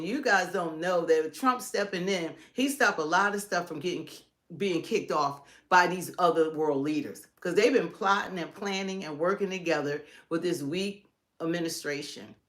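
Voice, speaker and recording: A woman's voice: fairly low pitch, moderate pace, a bit bright. A middle-aged woman with an American accent co-hosting a live stream, giving casual, emphatic political commentary and piling up points in lists.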